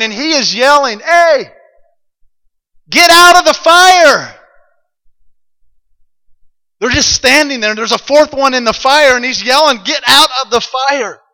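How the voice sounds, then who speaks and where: High-voiced man preaching in a hall. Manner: storytelling, building to excited shouts. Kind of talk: sermon. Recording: long hall reverb.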